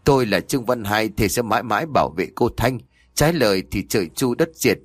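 Loyal young husband, calm, reassuring, low voice, read by a man. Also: brisk, dry recording, clean studio sound. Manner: steady, reassuring.

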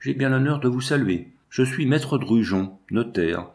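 A man's voice: mid-range voice, lively intonation, a little slow, gravelly, a little mellow. A man reading the part of a courteous, formal provincial notary in a storybook.

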